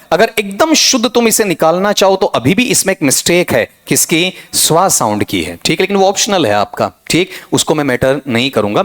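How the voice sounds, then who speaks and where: A lively male English teacher leads an exam-prep pronunciation lesson, quizzing students and constantly checking with "ok?". His voice swings high and low in pitch.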